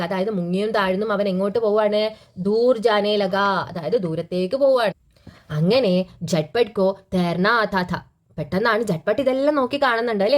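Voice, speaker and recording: Woman teacher quizzing herself aloud. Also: medium pitch. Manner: asks herself questions and answers them; reads lines slowly, then explains them. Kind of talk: explaining a school reading lesson.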